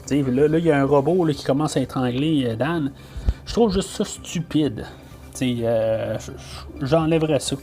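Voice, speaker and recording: A man's voice: mid-range voice, normal speed, dark tone, soft background music. A man with a Québécois French accent hosting a podcast, reviewing a film in casual talk, full of fillers and restarts. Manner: hesitant, many fillers and restarts. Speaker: podcast host.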